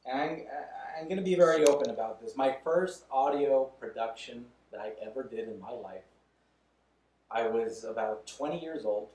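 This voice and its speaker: A man in his thirties chats loosely and candidly as a podcast guest, chuckling between thoughts. His mid-range voice is a little mellow and moves at normal speed. The mic sits at a distance in a room with an echo.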